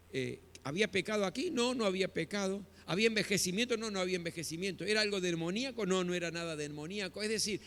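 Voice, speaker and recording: A pastor preaching a sermon, asking rhetorical questions and answering them, stretching key phrases out slowly. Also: male voice, high-pitched, bright, forceful tone. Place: church. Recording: reverberant church hall.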